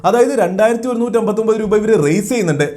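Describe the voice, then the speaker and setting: Guy doing a quick ipo breakdown, higher voice, rattles through it. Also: warm tone. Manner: brisk, mixes English terms into Malayalam. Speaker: finance channel host. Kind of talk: IPO review explainer.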